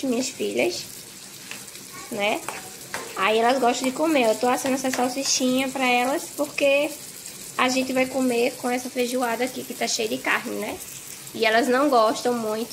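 In her kitchen, a woman who vlogs as a home cook chats her way through a homemade recipe, frequently turning to her viewers and tagging lines with "tá?" and "gente". She speaks at a fairly high pitch over slight background noise.

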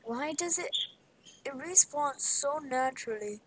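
A woman's voice: high-pitched, expressive, measured pace. A woman giving playful, rambling commentary while playing a video game, often dropping into whispers, over a noisy home recording. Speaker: gaming video creator. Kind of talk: casual gameplay commentary.

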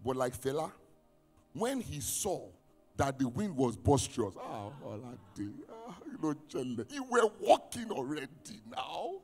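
Dramatic preacher in a reverberant church. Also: male voice, medium pitch, very animated, a little slow, breathy edge. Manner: dramatic, swings between shouting and near-whispers; reads scripture aloud and quizzes the congregation. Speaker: pastor. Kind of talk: preaching a sermon. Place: church hall. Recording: reverberant church hall with music.

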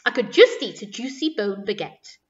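A woman's voice: on the high side, animated, moderate pace, close to an everyday voice. A woman voicing a friendly male dog hero who speaks politely and cheerfully. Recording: dull recording from a distance.

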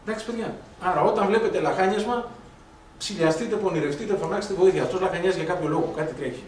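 A man giving a lively medical lecture, telling anecdotes, acting out dialogue and asking rhetorical questions. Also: sits high. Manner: animated storytelling, acts out dialogue, rhetorical questions. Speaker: doctor lecturing on blood gases. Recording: echoey hall from far off, faint noise.

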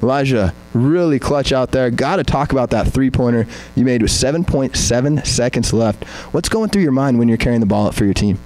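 A man's voice: medium pitch, fairly quick, hardly any pauses, a little mellow, rough recording. A young man hosting a postgame interview, asking long, upbeat, rambling questions into a handheld mic. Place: press backdrop indoors.

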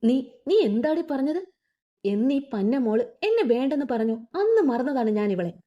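A furious young husband, bitter and demanding, his harsh, clipped threats voiced in a fairly high, lively tone by a woman reading an audio story. The sound is mellow and dull, like a lo-fi recording. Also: moderate pace.

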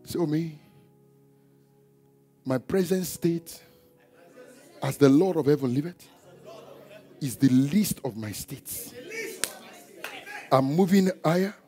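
A man preaching a church sermon, emphatic, with call-and-response shouts and chanting. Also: on the high side, lively intonation, takes it slowly, long pauses. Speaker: pastor. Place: church hall. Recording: church service with music and congregation behind. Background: music and congregation.

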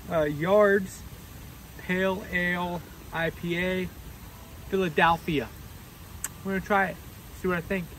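At an outdoor forest campsite, an overland camping vlogger chats in a laid-back way, rambling with lots of "uh" and "like" fillers. His voice sits high, and the poor audio carries a little hiss or hum.

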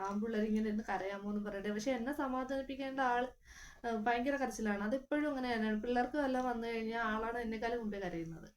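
Young woman vlogger, high voice, earnest, emotional storytelling; faint noise behind. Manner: earnest, emotional retelling with many fillers. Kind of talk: casual personal storytelling.

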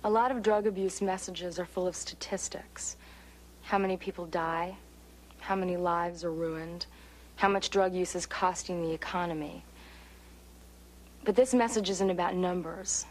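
A woman's voice: fairly low pitch, fairly even intonation, normal speed, a little hiss or hum, low-quality recording. A woman delivering an earnest, grave anti-drug public service announcement to camera.

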